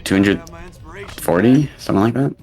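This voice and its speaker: A man's voice: fairly low pitch, moderate pace, vocal fry, darkish tone. A young man giving casual commentary on a video game speedrun race.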